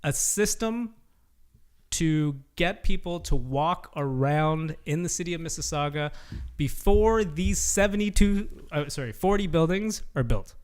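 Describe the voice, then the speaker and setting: A man's voice: fairly high pitch, lively intonation, measured pace, smooth. A man co-hosting a casual podcast chat, rambling and tagging his sentences with "right?". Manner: rambling, many fillers and "right?" tags. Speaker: podcast co-host.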